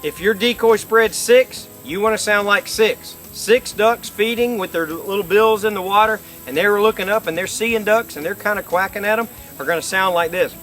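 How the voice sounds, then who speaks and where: A man's voice: high-pitched, normal speed, hardly any pauses, fairly bright tone, soft background music. A middle-aged man giving an informal, folksy instructional demonstration, explaining step by step. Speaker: duck-calling instructor. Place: outdoors by a lake.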